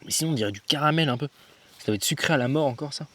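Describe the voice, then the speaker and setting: A man's voice: a little high, racing, fairly bright tone. A young man chatting casually to his own handheld camera as a travel vlogger, slangy and loose, calling his viewers guys and thinking aloud with lots of fillers and restarts. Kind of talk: casual vlog talk to camera.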